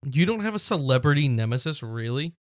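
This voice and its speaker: A young man in his twenties, co-hosting a podcast, reacting with quick teasing remarks in casual chat. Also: mid-range voice, sing-song, no room sound, clean studio sound. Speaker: podcast co-host.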